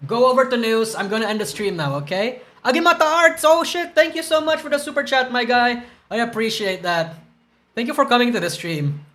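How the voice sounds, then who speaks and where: Hungover and groggy, a young man streams live and reacts to news in a rambling, stuttering, profanity-laced chat. His voice is very high and sharp, and he talks fairly quickly.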